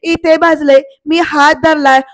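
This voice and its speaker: A caring but sharp-tongued young wife, voiced by a woman narrator, who scolds and taunts. The voice is high with little swing in its tune. It is recorded close, with no room sound. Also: little pitch movement, measured pace, no echo. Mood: scolding.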